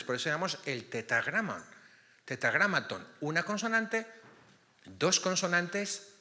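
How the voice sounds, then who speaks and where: A priest leads a Bible study in a parish hall, checking again and again that his class is following. His voice is bright and sharp-edged, and it swings widely in pitch as he explains. The long reverb of the hall trails after each phrase. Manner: keeps checking in with the class, asking "ok?".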